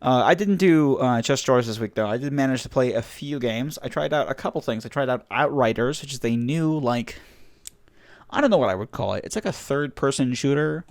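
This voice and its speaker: In a casual podcast conversation, a young male host with a brisk, expressive, medium-pitched voice rambles along, laughing frequently and using many fillers even as his voice gives out.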